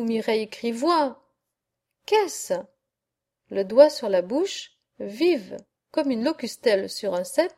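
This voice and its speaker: A woman narrating a literary audiobook in a measured, expressive reading. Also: mid-range voice. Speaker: audiobook reader.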